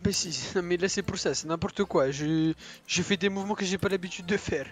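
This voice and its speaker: A man's voice: sits high, brisk, soft background music. A man in a game role-play, chatting lightly and laughing easily.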